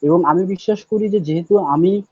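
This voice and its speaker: Guy talking loud n emphatic, highish voice, dry muffled sound. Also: moderate pace, husky, no echo. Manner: loud, emphatic, repeats himself for stress. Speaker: guest poet. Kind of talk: live talk show conversation. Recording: dull, dry lo-fi audio.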